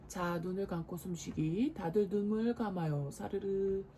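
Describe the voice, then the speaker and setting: A woman voicing a father who speaks low and soothingly to his children at bedtime in a storybook. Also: a little slow, dark tone, slight background noise, close to an everyday voice. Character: gentle playful father at bedtime.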